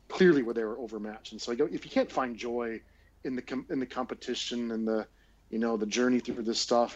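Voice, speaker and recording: Laid-back rambling man, lo-fi sound. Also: fairly low pitch. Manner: rambling, swears casually, loose and laid-back. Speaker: podcast co-host. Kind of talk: casual chat. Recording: dull lo-fi sound.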